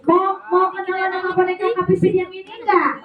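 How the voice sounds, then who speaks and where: A woman's voice: extremely high pitch, monotone, a little fast, echoey room, lo-fi sound, a crowd in the background. A young woman entertaining children at a religious school gathering, coaxing them in a sing-song teacher voice.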